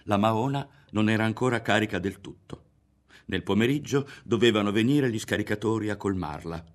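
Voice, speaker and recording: A man narrating a literary audiobook in a measured, expressive way. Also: fairly low pitch. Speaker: audiobook reader.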